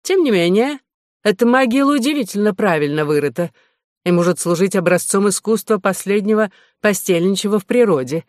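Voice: medium pitch, expressive, normal speed, no echo, studio quality, lightly acted. A reader voicing an affected, pompous English knight who talks in florid, mannered phrases. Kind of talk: audiobook reading.

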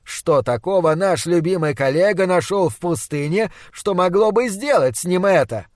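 A man's voice: high voice, expressive, normal speed, no echo, clean studio sound. A man voicing an old Austrian scientist who cross-examines in a sarcastic, theatrical way. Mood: indignant.

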